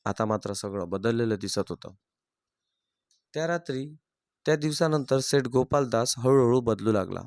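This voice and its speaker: A male storyteller reads a moral story aloud in a steady, plain delivery. His voice sits at an ordinary middle pitch. The recording is dry and close, with no room echo. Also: moderate pace, pauses often. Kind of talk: scripted story narration.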